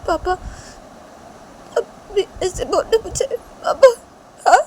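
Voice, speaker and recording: A woman's voice: very high voice, lively intonation, slow, slight background noise, voice pushed up, full character voice, poor audio. A woman voicing a hurt young woman who tearfully and defiantly repeats that she is leaving for good.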